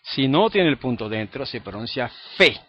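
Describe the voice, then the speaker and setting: A man's voice: medium pitch, very animated, normal speed. Patient Spanish-speaking male teacher. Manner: explains patiently, checks in with "¿ok?" and "¿verdad?". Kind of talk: recorded lesson. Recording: dry, dull lo-fi recording.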